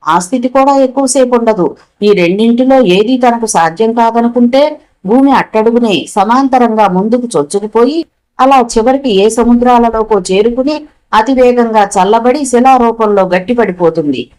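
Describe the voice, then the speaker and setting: A woman's voice: on the high side, moderate pace, a little mellow, close to an everyday voice. A woman voicing a male professor who leads an expedition, in an urgent, commanding manner, as an audiobook character voice. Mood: explaining.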